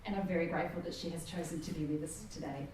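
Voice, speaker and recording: A woman facilitates a conference session, introducing a speaker in a measured, formal way. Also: low voice. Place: large conference hall. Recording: echoey hall from far off, faint noise.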